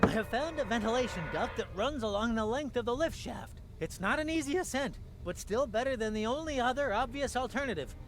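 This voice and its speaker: Earnest, very high-pitched helper. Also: male voice, animated, fairly quick, few pauses, noisy background. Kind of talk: video game character dialogue.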